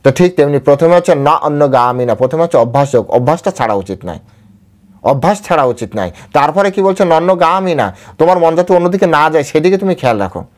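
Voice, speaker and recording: A male preacher with a Bengali accent leads a devotional lesson on scripture. He talks his listeners through it step by step, putting a question to them and then answering it himself. He repeats key phrases for emphasis and drops into slow, careful recitation whenever he quotes a verse. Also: fairly high pitch, animated, a little mellow. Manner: chants and quotes verses slowly. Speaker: preacher giving a scripture class.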